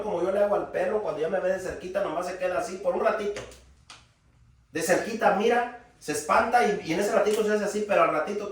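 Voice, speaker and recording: High-voiced preacher in an echoey hall. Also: male voice. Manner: folksy, animated, shouts for emphasis. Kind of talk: sermon. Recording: very echoey room, from far off.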